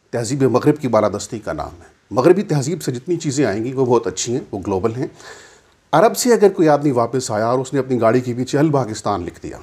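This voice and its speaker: Middle-aged male commentator from Pakistan, husky tone, emphatic opinion piece. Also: medium pitch, darkish tone. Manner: argumentative, rhetorical questions, emphatic. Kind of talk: opinion monologue.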